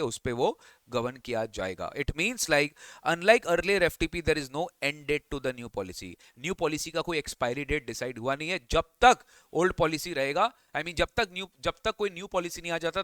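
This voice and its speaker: A man's voice: fairly high pitch, fairly bright tone, smooth, no echo. A man teaching an exam coaching lecture, often quizzing his students and mixing English reading with Hindi explanation. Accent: Indian English. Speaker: tax lecturer.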